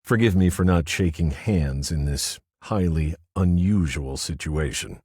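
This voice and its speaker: A man voicing a calculating male prosecutor with a deep, well-modulated voice and formal, measured delivery. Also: mellow, husky, dry recording, clean studio sound. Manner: measured, formal, self-satisfied. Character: smooth, calculating male prosecutor, politician type.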